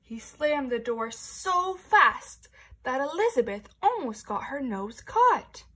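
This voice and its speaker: Slow, expressive woman reading to children. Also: high-pitched, breathy edge. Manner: expressive storytelling with hushed, whispered asides. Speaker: teacher. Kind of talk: reading a picture book aloud to young children.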